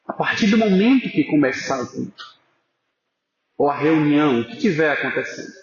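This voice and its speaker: A man preaching a sermon as pastor, earnest and pastoral, calling listeners brothers and sometimes dropping to a soft voice for emphasis. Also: fairly high pitch, animated, normal speed, echoey room, lo-fi sound, a little hiss or hum. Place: church.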